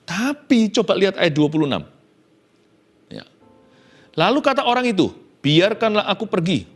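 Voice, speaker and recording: A man preaching a sermon as a pastor, swinging between loud emphatic lines and hushed, tearful acted pleas, with English phrases mixed in. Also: sits high, very animated, normal speed, faint music behind. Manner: dramatic preaching, acting out Jacob's pleas in hushed tones.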